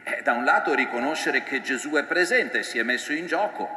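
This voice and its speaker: A man's voice: mid-range voice, animated, fairly quick, pushed and bright, a little hiss or hum. A priest giving a reflective sermon, voicing the scripture he quotes with feeling. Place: church. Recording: echoey church with long reverb.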